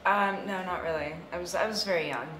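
A woman's voice: on the low side, a little fast, over a noisy crowd. A young woman answering questions as a guest in a casual comedy interview. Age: young adult. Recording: distant, echoey, very noisy room.

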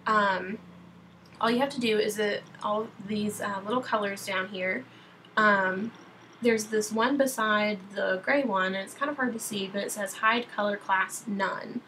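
A young woman, a wedding photographer, talking through a software tutorial over a screen recording in a casual, rambling way with many ums and restarts. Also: mid-range voice, fairly even intonation, measured pace, slight background noise, low-quality recording. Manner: chatty, many ums and restarts, self-correcting. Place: at her computer, screen recording.

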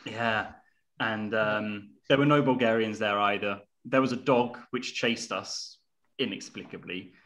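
A young man co-hosting a podcast, telling a story in an animated, self-mocking way over a video call from home. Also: fairly low pitch, unhurried. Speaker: podcast co-host. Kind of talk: casual storytelling. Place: room at home.

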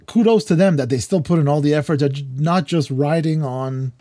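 A man's voice: a little high, brisk, dark tone, dry recording, studio quality. A man co-hosting a music podcast, talking casually and rambling, with many fillers and restarts. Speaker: podcast co-host. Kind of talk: casual roundtable chat.

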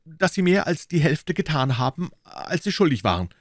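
A man voicing a proud, quick-tempered young male Gascon swordsman, talking with earnest, touchy insistence in an audiobook reading. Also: fairly high pitch, big pitch swings, no echo, studio quality, voice pushed up. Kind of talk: audiobook character voice.

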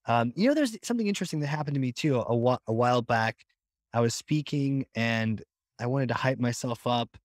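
A man's voice: medium pitch, expressive, fairly quick, no room sound, studio quality. A man hosting a podcast interview, casual and jokey, with fillers. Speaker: podcast host.

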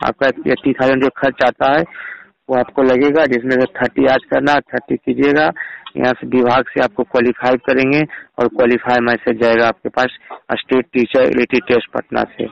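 On a recorded phone call, a man posing as an official pushes insistently in a persuasive, sales-like pitch, mixing English words into his speech. His mid-range voice is creaky and flat, delivered at a moderate pace with no echo.

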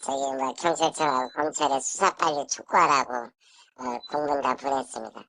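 A facility official in a phone interview, voice disguised and pitched down, speaking haltingly with fillers. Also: fairly even intonation, pushed and bright, slight background noise. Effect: voice disguised with pitch lowered. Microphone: phone call.

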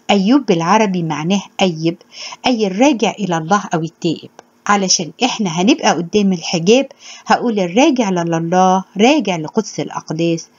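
A woman's voice: medium pitch, a little mellow, breathy edge. Earnest woman teaching in Egyptian Arabic. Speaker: religious teacher. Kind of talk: spoken sermon with scripture reading. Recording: dull lo-fi recording.

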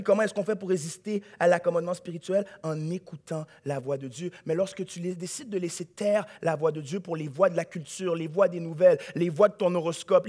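A male pastor, preaching a sermon in a church, dropping to a hush and then rising to a shout. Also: sits high. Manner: dramatic preaching, swings from hushed to shouting.

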